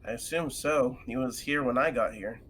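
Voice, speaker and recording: A man's voice: mid-range voice, moderate pace, fairly bright tone, slight background noise, poor audio. A man guesting on a stream, chatting casually with dry, laid-back comments and frequent laughs. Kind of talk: casual chat.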